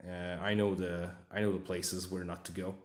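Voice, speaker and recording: A Hungarian man hosting a hobby livestream rambles and jokes with his live chat while he assembles a miniature model. His voice is low and level, his pace moderate, and the room sounds echoey.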